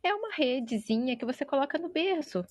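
Mulher relaxada falando por chamada de vídeo. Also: female voice, high-pitched, lively intonation, brisk, no echo, clean studio sound. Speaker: guest mother. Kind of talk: casual chat.

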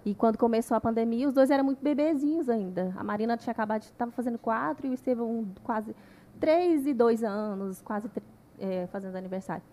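A woman, soft-spoken and reflective in a casual podcast chat. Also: a little high, fast. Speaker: podcast guest.

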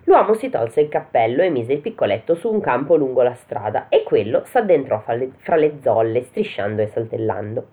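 A woman with a low voice and lively, swooping intonation reads a fairy tale aloud, stopping often for playful asides. The sound is thin and tinny, like a phone line. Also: normal speed, hardly any pauses. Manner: joking, breaks off to comment and laugh. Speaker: storyteller and co-host. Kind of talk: reading a fairy tale aloud with casual banter.

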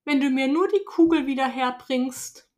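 Woman doing a high, pleading fairy-tale princess. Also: moderate pace, natural voice. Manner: high, pleading, breathless promises. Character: young crying princess, pleading and eager.

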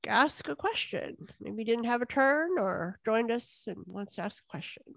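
A woman's voice: fairly high pitch, animated, normal speed, vocal fry, no echo. A woman moderates a casual group question-and-answer session, calling on people to speak.

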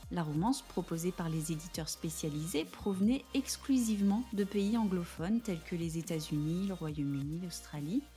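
Soft mellow woman hosting a podcast. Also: mid-range voice, husky. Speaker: podcast host. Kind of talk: scripted podcast narration.

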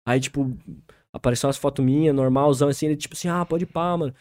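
Speaking fast in a steady, medium-pitched voice with a darkish tone, a young guest rapper recounts a long story. He comes from the interior of São Paulo state and has a São Paulo Brazilian Portuguese accent. His talk is casual and packed with slang, with laughter and acted-out lines from other people, all captured in a dry, studio-quality recording.

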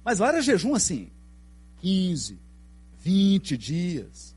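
In a lecture hall, a middle-aged Brazilian man with a Brazilian Portuguese accent delivers a spiritist lecture, animatedly telling stories and asking the audience questions. His voice is high-pitched and slow, with a breathy edge.

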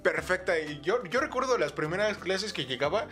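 Loud animated Mexican man. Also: moderate pace, soft background music. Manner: loud, animated, swearing, acts out quotes in a high voice. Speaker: podcast co-host. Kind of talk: casual crude banter.

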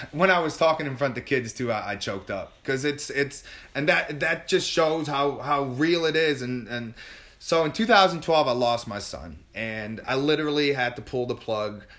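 A man guest in an interview telling a candid personal story, animated and emotional, often restarting and repeating words. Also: medium pitch, measured pace. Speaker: podcast guest.

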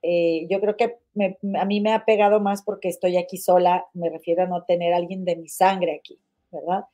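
A woman's voice: on the low side, little pitch movement, normal speed, mellow, faint music behind. A woman with a Mexican accent hosting a casual livestream, gossiping bluntly and calling her viewers comadres as she reads their comments. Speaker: livestream host.

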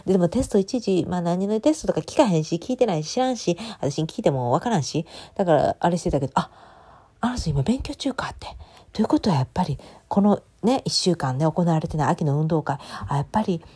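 Kansai lady in her 40s hosting her own radio show, talks fast and playful, dark mellow voice. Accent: Kansai Japanese. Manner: chatty and playful, with sudden lively jumps in pitch. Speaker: radio host. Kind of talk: casual solo radio talk.

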